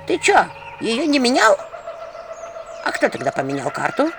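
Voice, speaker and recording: A woman voicing a pair of cheeky little male imps who chatter in excited, squeaky voices. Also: normal speed, gravelly, background noise, full character voice.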